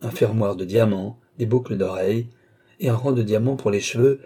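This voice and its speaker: A man narrating a classic novel as an audiobook in a measured, formal storytelling manner. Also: fairly low pitch, warm tone, slightly rough. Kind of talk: scripted literary narration.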